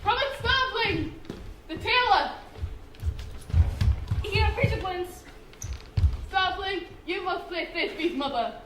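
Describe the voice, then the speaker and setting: A woman's voice: very high voice, slow, pauses often, exaggerated voice. A woman playing a fussy flustered play director. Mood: bossy. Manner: bossy, excitable, laughs between lines. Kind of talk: stage play performance. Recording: echoey hall with background noise.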